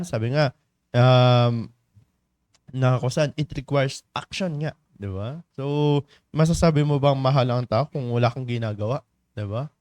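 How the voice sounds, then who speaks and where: A man with a Filipino accent leads a morning church devotion, speaking at a middle pitch in a loose, chatty way. He often stops to ask the listeners questions and teases them. The sound is dry and close, with little room echo. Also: darkish tone. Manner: conversational, teasing the congregation, many tag questions. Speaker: devotion leader.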